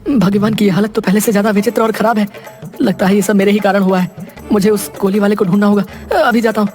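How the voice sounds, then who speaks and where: An actor voicing a simple, scheming village husband in a cartoon, who talks to himself with chuckles and drawn-out exclamations. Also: mid-range voice, little pitch movement, a little mellow, faint music behind, natural voice. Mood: alarmed.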